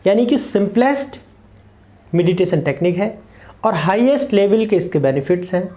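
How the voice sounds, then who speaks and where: Talking earnestly to a camera, a man teaches meditation, repeating key points in short lists. His voice sits high with a dark tone, picked up by the camera mic.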